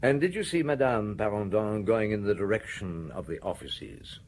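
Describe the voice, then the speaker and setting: A shrewd, stern police inspector in a detective audio drama. His voice is low and swings widely as he presses each question with formal authority. Faint noise sits behind him. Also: lively intonation, moderate pace. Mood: firm, measured. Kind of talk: radio detective drama acting.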